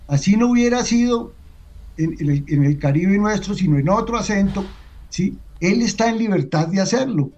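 A man with a high-pitched voice who talks emphatically on a radio panel, tossing out rhetorical questions. The sound is slightly muffled and dull. He keeps checking in with his listeners as he makes his point. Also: a little mellow. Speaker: panel guest.

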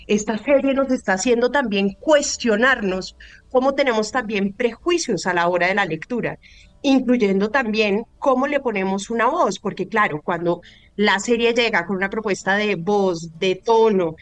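A woman reflecting at length as a radio panel guest, her sentences long and flowing. Her voice sits at a middle pitch. The recording is close and dry, with no room sound. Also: no room sound.

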